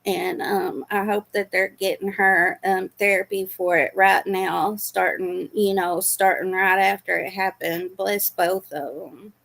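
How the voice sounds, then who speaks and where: A woman's voice: mid-range voice, level tone, unhurried, creaky, hardly any pauses, a bit bright. A woman hosting a livestream, chatting casually and sympathetically with viewers, with many fillers and asides as she reads chat aloud. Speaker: livestream host reacting to news.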